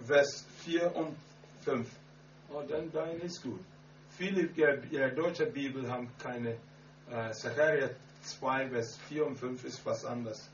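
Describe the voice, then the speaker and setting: A man preaching a sermon and telling his own story in halting German full of grammar slips. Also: mid-range voice, fairly even intonation. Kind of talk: sermon with personal testimony. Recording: echoey, muffled distant hall recording with hum.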